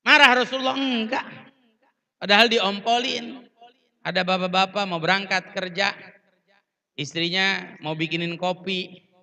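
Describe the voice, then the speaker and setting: A man preaches to a congregation in a bright, ringing, high voice. He tells his stories by acting out the quoted dialogue and speaks straight to the listeners with polite apologetic asides. His words carry a long reverb from a large hall sound system. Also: fairly even intonation, a little slow, vocal fry, pauses often. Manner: addresses audience directly, apologetic asides. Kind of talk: Islamic sermon at a Maulid event.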